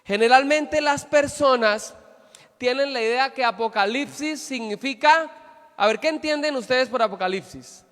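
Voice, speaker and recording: A man's voice: extremely high pitch, normal speed, fairly bright tone, big-room sound. A man preaching as a pastor, putting questions to the congregation and answering them himself, repeating his points with emphasis. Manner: emphatic repetition. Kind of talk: sermon.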